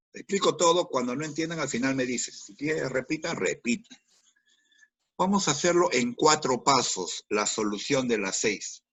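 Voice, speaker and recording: Husky-voiced teacher explaining physics. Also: male voice, medium pitch, a bit bright. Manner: explains step by step, talks directly to students, repeats key words. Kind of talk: online class lesson.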